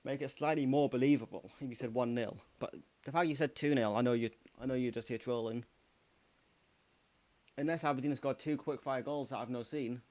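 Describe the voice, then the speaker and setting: Fan streamer, mid-pitched, slightly croaky, calls play and rallies his team. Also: fairly even intonation, fairly quick, darkish tone. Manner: partisan, addresses chat as "mate" and "pal", urges his team on. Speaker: fan streamer doing a live watchalong. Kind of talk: casual live match commentary.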